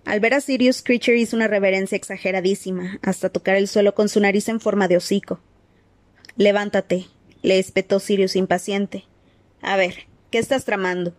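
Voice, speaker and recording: A woman reads a novel aloud in a steady, expressive narrating voice at a middle pitch. The recording is dry and close, with no room sound. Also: quick pace, few pauses, no room sound. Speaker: audiobook reader. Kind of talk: dramatized book reading.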